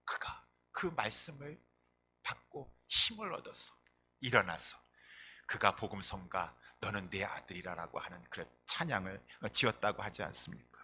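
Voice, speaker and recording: Bright-voiced impassioned male preacher. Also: lowish voice, big pitch swings, normal speed, slight background noise. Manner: impassioned, swings between loud cries and soft whispers; acts out voices in quotes. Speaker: senior pastor. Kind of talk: sermon.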